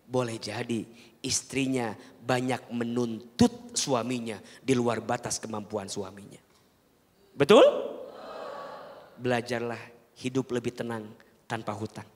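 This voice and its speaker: A man's voice: medium pitch, steady tone, a little slow, long pauses. A man preaching a televised sermon, earnestly advising and keeping the audience engaged with rhetorical questions. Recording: long hall reverb.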